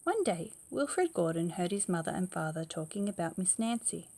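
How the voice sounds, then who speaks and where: A woman's voice: lowish voice, very animated, normal speed, a little mellow. A woman reading a picture book aloud as a bedtime story, stressing words expressively and putting questions to the young listener.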